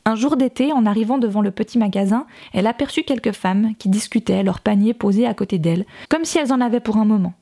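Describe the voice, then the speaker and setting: A woman reading a novel aloud in calm, measured scripted narration. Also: medium pitch. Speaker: audiobook reader.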